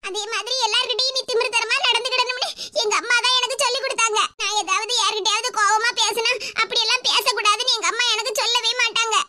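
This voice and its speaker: A woman's voice: extremely high pitch, steady tone, fast, hardly any pauses, sharp tone, a little hiss or hum, exaggerated voice. A woman voicing a remorseful young woman in a cartoon, pleading apologetically in a Kanyakumari Tamil accent. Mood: apologetic. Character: remorseful young woman, once arrogant daughter. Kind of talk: animated cartoon voice acting.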